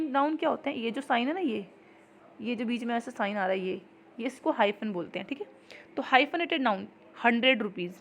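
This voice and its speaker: A woman teaching an exam-prep grammar lesson, explaining patiently and reading example sentences slowly. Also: fairly high pitch, highs cut off.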